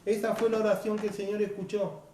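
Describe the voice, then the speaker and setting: A male preacher, giving an earnest, unhurried sermon that keeps asking "right?". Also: high-pitched, level tone, a little mellow. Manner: earnest, unhurried, frequent "right?" tag questions. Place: church hall. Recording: echoey hall, distant mic, faint noise.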